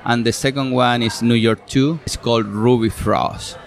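This middle-aged man from Chile, a fruit specialist, talks about his job in a relaxed interview at an outdoor farm show, often using fillers and starting over. He has a Chilean Spanish accent and a gravelly, medium-pitched voice with a steady tone at normal speed, and crowd noise can be heard.

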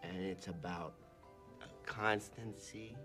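An actor giving a quiet, halting, thoughtful monologue. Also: male voice, low-pitched, steady tone, music in the background. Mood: reflective. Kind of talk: reflective film monologue.

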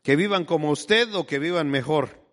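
A man's voice: fairly high pitch, normal speed, fairly bright tone, long reverb tail. A man preaching a fervent sermon as pastor, calling out to his listeners as brother again and again.

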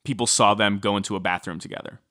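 A man's voice: fairly low pitch, quick pace, dry recording, clean studio sound. Chatty man telling a true-crime story. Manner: chatty, filler-heavy, animated when quoting. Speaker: podcast co-host.

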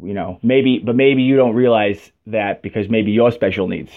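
A man's voice: fairly low pitch, steady tone, moderate pace. Abrasive male comic host, profane sarcastic rant, muffled lo-fi sound. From New York. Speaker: comedy podcast host. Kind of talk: ranting comic monologue. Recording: dull lo-fi audio.

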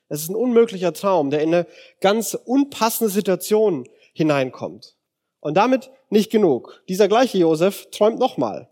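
A young man giving a casual, animated sermon, retelling a Bible story with slang and acted-out quotes. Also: sits high. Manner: animated, slangy, acts out quotes in different voices. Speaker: preacher.

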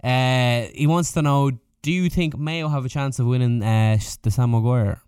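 Young Irish male co-host, early twenties; smooth, clear voice, closely dry, informal and lightly teasing. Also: medium pitch, moderate pace, darkish tone, no room sound. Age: early 20s. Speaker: podcast co-host reading out listener questions. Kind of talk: casual chat.

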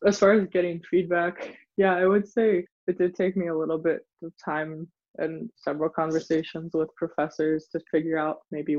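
A former exchange student from the United States answers interview questions casually and chattily in a slightly high voice, chuckling often and hedging with words like "maybe" and "kind of." The recording is dull and lo-fi.

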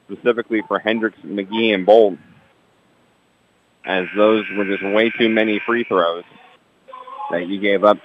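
A man with a very low voice delivers local radio sports commentary in a steady, dense announcer style. His voice has a radio broadcast sound, dull and lo-fi. He reads scores and station promotions at an even clip.

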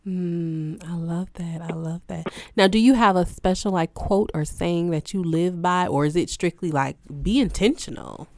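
A woman's voice: lowish voice, moderate pace, few pauses, a little mellow, no room sound, studio quality. A woman hosting a podcast interview, bubbly and gushing, laughing often and saying "like" a lot. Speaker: podcast host. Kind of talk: casual interview chat.

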